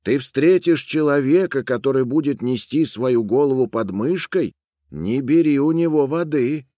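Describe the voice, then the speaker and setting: A man's voice: medium pitch, lively intonation, unhurried, dark tone, no echo, clean studio sound, voice pushed up, natural voice. A man voicing an old woman who earnestly warns a girl about the road ahead. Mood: warning. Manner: earnest, warning. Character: old woman sitting by a stone, giving warnings.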